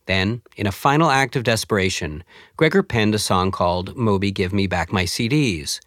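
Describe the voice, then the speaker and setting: A man's voice: on the low side, normal speed, a bit bright, dry recording, clean studio sound. A man hosting and narrating a story segment, asking curious, probing questions. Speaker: host.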